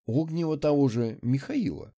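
A man plays a nervous young woman who keeps order at an academy. She speaks low, soft and subdued, with a warm, dark tone close to the mic. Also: normal speed, dry recording, natural voice. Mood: weary. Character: anxious young female academy curator.

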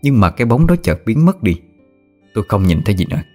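A man narrating a first-person ghost story in a steady, measured way. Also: lowish voice, husky. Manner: steady, measured telling that turns frantic in quoted outbursts. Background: faint music.

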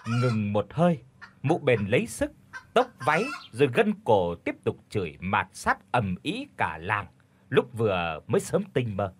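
A man narrating a scripted folk story as host, dramatic and animated. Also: mid-range voice, a little slow, slightly rough.

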